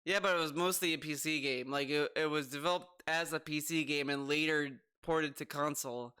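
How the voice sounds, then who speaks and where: Male reaction commentator, high bright voice, casual sweary ranting, exasperated, mocking quotes. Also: fairly even intonation, fairly quick, clean tone. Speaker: commentator reacting to another streamer.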